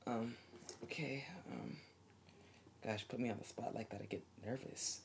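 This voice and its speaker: A man doing a nervous, nerdy young guy's voice, halting and full of ums. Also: lowish voice, level tone, vocal fry, darkish tone. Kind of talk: casual chat.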